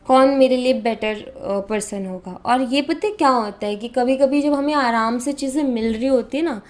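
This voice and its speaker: A woman from India talks through a tarot reading in a casual, conversational way. Her voice sits a little high, and she mixes English words in freely with frequent hesitation fillers. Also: normal speed, a little mellow. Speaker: tarot reader.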